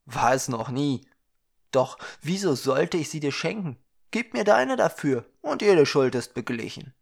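A man's voice: fairly high pitch, expressive, measured pace, gravelly, full character voice. A man voicing a crafty old dwarf who bargains in a dry tone. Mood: sly.

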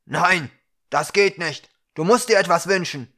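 A man voicing a huge, fat, glowing fire creature, impatient and stubborn, gruff and insistent in a storybook reading. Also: fairly high pitch, normal speed, fairly bright tone, lightly acted.

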